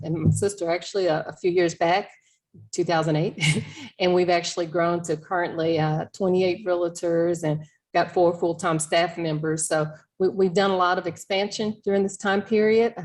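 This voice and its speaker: A woman broker with a somewhat low voice talks about her real estate firm on a panel. She sounds friendly and energetic. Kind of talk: panel introduction.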